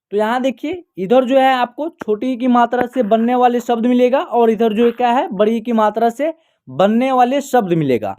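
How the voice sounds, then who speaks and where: A teacher giving a beginner reading lesson, patiently repeating each word and slowly stretching out syllables to show pronunciation. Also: mid-range voice, a little mellow. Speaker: Hindi teacher.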